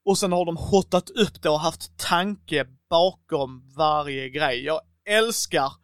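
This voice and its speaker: A man's voice: a little high, clean tone, no room sound. Enthusiastic man, dry close sound. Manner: enthusiastic, animated, quotes himself and others in little acted bits. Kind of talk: casual chat about TV series.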